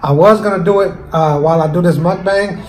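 Chatty man eating on camera, higher voice. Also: fairly quick, slight background noise, poor audio. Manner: chatty, talks while eating. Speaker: cooking channel host. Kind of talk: casual mukbang chat.

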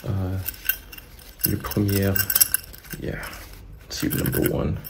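Young man, crackly whispered fast ASMR role-play. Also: low voice, monotone, creaky. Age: young adult. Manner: murmured, casual, repeating phrases. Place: small room indoors. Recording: noisy close-up recording with clicking, tapping.

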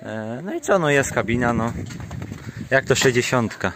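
A chatty man filming on a small farm, with an average-pitched voice and a joking, easygoing manner. He talks to viewers in a casual way and slips into a sing-song tone when he coaxes his animals. A faint hiss of background noise sits behind him. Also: lively intonation, moderate pace. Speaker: farm vlogger. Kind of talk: casual chat to camera.

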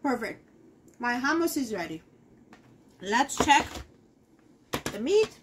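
A woman's voice: on the high side, very animated, slow, noisy background. A middle-aged woman giving a casual cooking demonstration in her home kitchen, chatting to viewers as she works. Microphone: fixed camera in front of the counter.

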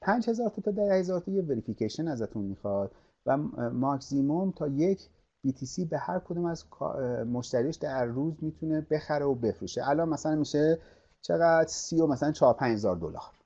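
A man teaching an online course, talking through a screen-share tutorial with many pauses and restarts as he clicks through a website. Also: on the high side, expressive, warm tone, dull audio. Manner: hesitant, many fillers and restarts, thinking aloud while clicking.

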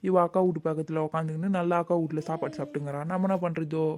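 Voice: mid-range voice, steady tone, rapid-fire, a little mellow, natural voice. Someone voicing a sheepish cartoon dad. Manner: coaxing, pleading. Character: sheepish village father, coaxing and soft-spoken. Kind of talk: cartoon voice acting.

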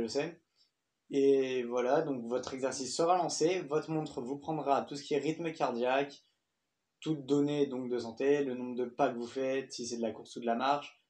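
A man's voice: medium pitch, darkish tone. A young man talking casually through a smartwatch review, chatty and loose, with fillers and the odd swear word. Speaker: tech reviewer. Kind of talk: casual tech review vlog.

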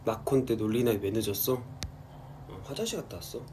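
Lively young man chatting on a livestream. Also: moderate pace, slight background noise. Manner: animated, acts out fans' voices in high squeals. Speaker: idol livestream host. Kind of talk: casual chat. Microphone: phone or camera livestream.

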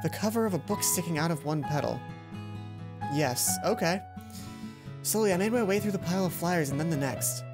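A young adult woman hosting a let's play reads a visual novel into her headset from a computer in an indoor room. Her voice is on the low side and animated, moving briskly but broken by long pauses, with game music in the background.

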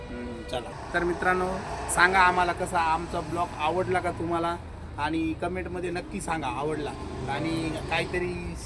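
A man's voice: fairly high pitch, background noise. A man vlogging casually outdoors in a village yard, chatting to viewers and coaxing his animals. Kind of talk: casual village vlog chat.

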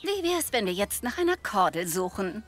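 A woman's voice: mid-range voice, big pitch swings, moderate pace, a little hiss or hum, natural voice. A woman voicing a kindly, encouraging fox mother in a cartoon. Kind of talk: cartoon voice acting.

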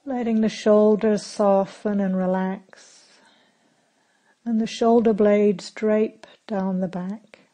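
With a dark, relaxed, mid-range voice, a woman meditation teacher guides listeners through a meditation. Her gentle instructions come very slowly and calmly, in short phrases with long pauses in between.

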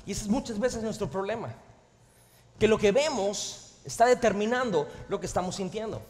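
A man preaching a sermon as pastor to a live congregation, animated and jokey, swinging between loud and soft. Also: high-pitched, moderate pace. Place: large church hall with live audience. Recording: reverberant live hall recording.

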